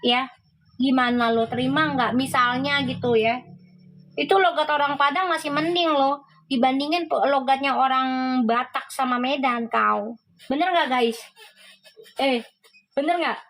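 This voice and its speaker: A woman's voice: high-pitched, measured pace, long pauses, fairly bright tone, rough recording. A woman hosting a casual livestream, chatting and reacting to viewer comments, laughing often.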